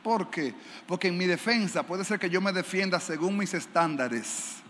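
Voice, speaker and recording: High-voiced pastor preaching. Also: male voice, normal speed. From Dominican Republic. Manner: animated storytelling, acting out dialogue. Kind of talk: sermon. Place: large church sanctuary. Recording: reverberant church hall, faint noise.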